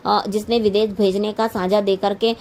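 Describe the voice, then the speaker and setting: Female recap narrator for a TV serial, monotone, stumbles and restarts often. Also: mid-range voice, moderate pace, a little hiss or hum. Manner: frequent restarts and self-corrections.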